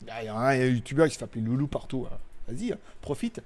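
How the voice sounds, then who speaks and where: A man's voice: medium pitch, lively intonation, racing, darkish tone. A man from France, hosting a live tech news show in a rambling, joking way with crude asides and frequent laughter. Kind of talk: casual live tech chat. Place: home studio, live stream.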